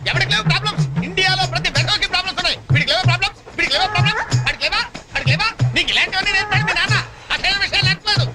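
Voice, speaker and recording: An actor playing a boastful husband who scolds his wife without pause in a comedy film scene. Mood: ranting. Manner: shrill, frantic, scolding nonstop. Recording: film scene under loud music.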